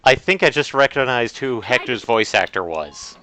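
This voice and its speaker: A man's voice: medium pitch, animated, moderate pace, sharp tone. A man streaming a video game, chatting casually with a co-host and rambling with lots of filler words and restarts.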